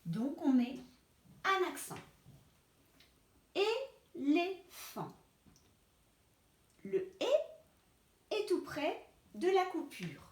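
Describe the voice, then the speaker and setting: Patient high-voiced woman teaching children. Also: big pitch swings, a little mellow, echoey room. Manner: slow, patient, sounds out words syllable by syllable. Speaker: primary school teacher. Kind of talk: spelling lesson video for children.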